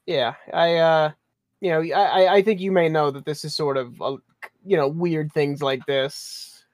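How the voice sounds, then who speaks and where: A tabletop game player speaking hesitantly, with halting restarts and fillers. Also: medium pitch, steady tone, darkish tone, no echo, clean studio sound.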